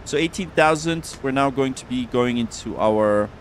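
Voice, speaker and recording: A man's voice: medium pitch, normal speed, a little hiss or hum. A man hosting a casual flight simulator livestream, talking informally and often repeating his words. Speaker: livestream host.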